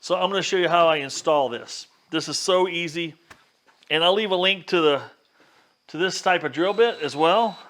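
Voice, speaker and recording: A plainspoken, folksy man hosts a casual hands-on DIY vlog, walking viewers through each step of his demonstration. His voice is fairly high and fairly bright, at a moderate pace.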